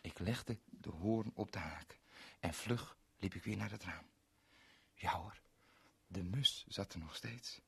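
A man reading a first-person children's story aloud, playful, dropping to whispers and rising to loud exclamations. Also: sits low, takes it slowly, gravelly, pauses often, breathy edge, no echo.

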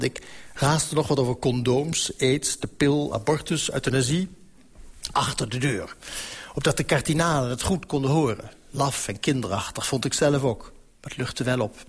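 A man narrating a novel in the first person, with wry, measured storytelling. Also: mid-range voice, slightly rough. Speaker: audiobook narrator.

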